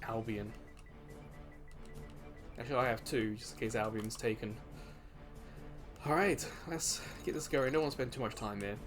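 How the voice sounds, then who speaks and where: The host of a gaming video series gives casual commentary, thinking aloud and musing to himself. He speaks at medium pitch and normal speed, pausing often, with video game music playing behind him.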